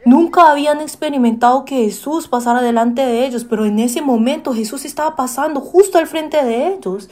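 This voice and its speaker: A woman's voice: high-pitched, a little fast, hardly any pauses, darkish tone. A woman preaching a sermon, asking the listeners questions, with frequent hesitations and fillers. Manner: asks the listeners questions and acts out quoted pleas.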